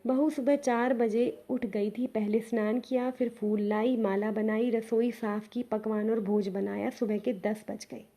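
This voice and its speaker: A woman narrating a scripted devotional story, gently and reverently addressing her listeners. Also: on the high side, fairly even intonation, unhurried, hardly any pauses.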